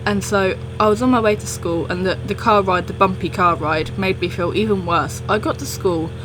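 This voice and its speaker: A woman's voice: mid-range voice, normal speed, background noise. A young woman telling a personal story in a casual, rambling chat, often interrupting herself as she goes. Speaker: storytelling video creator.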